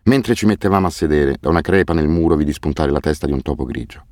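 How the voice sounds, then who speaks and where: A man reading a novel aloud in the first person, measured and sober. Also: rumbling low, darkish tone, no room sound, clean studio sound. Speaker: audiobook narrator.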